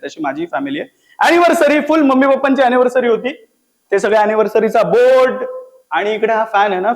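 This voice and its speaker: A young man with a high voice tells stand-up stories about his family. He jumps into louder, higher voices for his relatives and then drops back to his own telling. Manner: animated, acts out family members in raised voices. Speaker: stand-up comedian. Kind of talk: stand-up storytelling.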